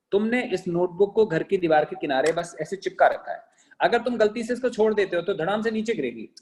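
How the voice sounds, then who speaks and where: A man teaching a physics lecture. He asks the class questions and answers them himself, mixes in English terms, and slowly dictates sentences for notes. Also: high-pitched.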